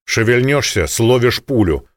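A man's voice: medium pitch, lively intonation, measured pace, no echo, clean studio sound, close to an everyday voice. A man voicing a tough, composed wizard who barks short orders. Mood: commanding. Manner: curt, barking orders.

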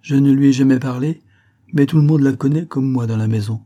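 A man's voice: mid-range voice, brisk, warm tone, pitched above the performer's own voice, natural voice. A man voicing a cheeky young apprentice. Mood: gossiping. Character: young male apprentice printer, cheeky and curious.

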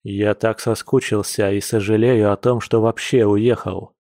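A man voicing a tender, persuasive werewolf man in an audiobook, talking slowly and softly. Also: fairly low pitch, flat delivery, dry recording, studio quality. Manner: slow, soft, coaxing.

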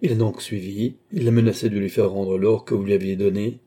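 An audiobook reader giving voice to a calm, courteous but mocking count who poses as a seer, slightly above his narrating pitch. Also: fairly quick. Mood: calm, ironic. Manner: smooth, courteous, quietly mocking. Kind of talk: audiobook character reading.

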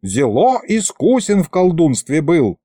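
A man's voice: fairly high pitch, big pitch swings, measured pace, warm tone, no room sound, clean studio sound, pitched above the performer's own voice. A man voicing a grumpy, quarrelsome old male ghost wizard who scolds and uses folksy old sayings. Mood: cranky.

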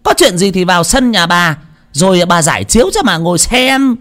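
Man playing a shrill foul-mouthed old village woman. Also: animated, moderate pace, a bit bright. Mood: scolding. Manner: shrill, abusive. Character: crude old village woman scolding onlookers.

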